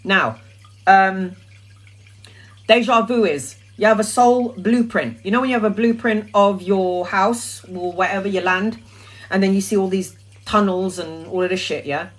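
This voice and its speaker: Woman, middle-aged, mid-pitch; casual, sweary tarot livestreamer. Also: a little slow, low-quality recording. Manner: chatty, blunt and sweary, with rambling restarts. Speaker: tarot reader answering viewer questions. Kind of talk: casual live-stream chat.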